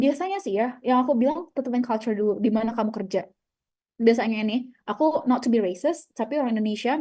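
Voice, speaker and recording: A woman's voice: on the high side, warm tone. A young woman giving a casual coaching talk to interns, chatty and mixing English phrases into her speech. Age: young adult. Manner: chatty, mixes in English phrases, many fillers. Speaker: coaching session speaker.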